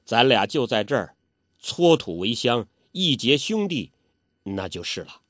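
A man's voice: medium pitch, sing-song, measured pace, a bit bright, no echo, studio quality. A man voicing an earnest, humble young male swordsman, who speaks politely and hesitantly. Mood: deferential.

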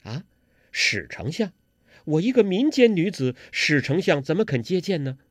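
A male storyteller voicing an anxious, devoted young woman who talks quickly and with worry. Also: a little high, big pitch swings, no room sound.

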